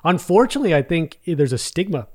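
A man's voice: a little high, sing-song, fast talker. A man with a light Texas accent, telling stories in a casual podcast chat as a guest. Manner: chatty storyteller. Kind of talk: casual conversation.

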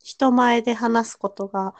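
A young woman co-hosting a casual chat over a call, soft-spoken and relaxed. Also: fairly high pitch, moderate pace, no echo. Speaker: podcast co-host.

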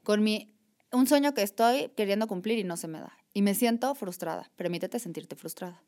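Woman guest on a podcast, lively and thoughtful, keeps saying o sea. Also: medium pitch, normal speed. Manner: animated, reflective, repeats "o sea" and "¿sabes?". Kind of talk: casual conversation.

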